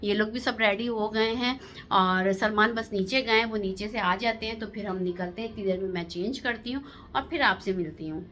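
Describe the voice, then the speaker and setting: A woman's voice: mid-range voice, moderate pace, few pauses, a bit bright, a little hiss or hum. A woman family vlogger, chatting casually to her viewers and calling them "janab" as she films herself on a phone. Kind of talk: casual vlog narration. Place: at home and at a family birthday party.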